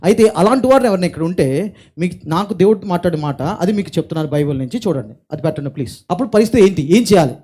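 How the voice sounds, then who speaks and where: A man preaching at a fast clip, his voice sitting high for a man. He repeats his phrases for emphasis and moves between hushed stretches and forceful ones. It is a plain, emphatic sermon delivery. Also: expressive, husky. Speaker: pastor.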